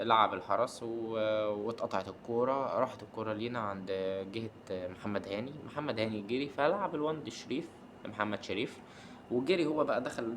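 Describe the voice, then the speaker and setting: A man with a mid-range voice and an Egyptian Arabic accent hosts a football podcast, casually recapping a match while ranting at the players and asking them the same exasperated questions over and over. There's a little hiss or hum.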